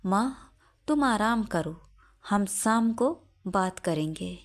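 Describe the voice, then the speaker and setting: A woman voicing a calm young son who tries to reason with his mother. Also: medium pitch, slow pace. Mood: concerned. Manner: calming, reasonable.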